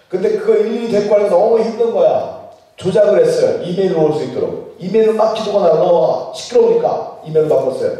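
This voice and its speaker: A man's voice: fairly high pitch, warm tone, far from the mic. Man preaching in an echoey hall. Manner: questions the congregation and leads group Bible reading. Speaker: pastor. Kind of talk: sermon at a church retreat. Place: large room with strong echo.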